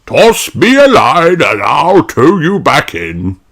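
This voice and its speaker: A man's voice: on the high side, wildly swooping pitch, slow, a bit bright, voice pushed up, heavily acted. A man voicing an exuberant old grandfather rabbit in a hearty, theatrical storybook voice.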